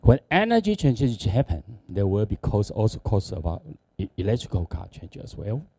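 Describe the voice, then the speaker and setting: A man with a Taiwanese accent gives a conference presentation in halting, non-native English. His voice is low and soft-edged, with very animated intonation. The sound is dry and close. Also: gravelly, husky, no echo. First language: not English. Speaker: conference speaker, company executive.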